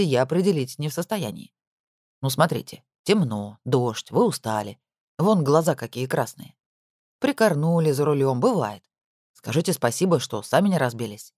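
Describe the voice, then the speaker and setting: An audiobook narrator voicing a laid-back, skeptical male police captain who talks things through slowly and dryly. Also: mid-range voice, darkish tone, no echo. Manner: dry, laid-back, slow and reasoning. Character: weary skeptical police captain, man, unhurried.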